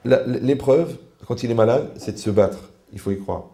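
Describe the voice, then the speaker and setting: A man, a rabbi, giving a lively conversational Torah lecture, animated and teasing as he acts out little dialogues. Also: medium pitch, normal speed, creaky, echoey room.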